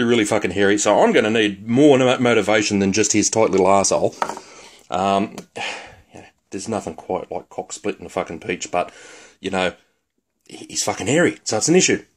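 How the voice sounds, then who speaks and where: An Australian man with a somewhat low voice rambles through a crude, profane comedic rant, blokey and offhand. It sounds recorded on a phone at home. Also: fairly quick, long pauses. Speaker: vlogger.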